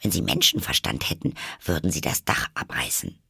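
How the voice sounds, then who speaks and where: A curious, sensible little storybook girl, voiced by a man who talks to herself half under the breath. She thinks things through aloud in a low, gravelly tone. The voice is dry and husky. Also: big pitch swings, a little fast, sharp tone, dry recording, heavily acted. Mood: musing.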